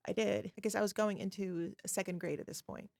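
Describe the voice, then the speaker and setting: A woman's voice: mid-range voice, fairly even intonation, a little fast, creaky, a little mellow, no echo, clean studio sound. A middle-aged woman from Poland, a forensic psychologist guest, telling stories with many hesitant ums. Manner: hesitant, frequent ums, storytelling. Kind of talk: casual interview chat.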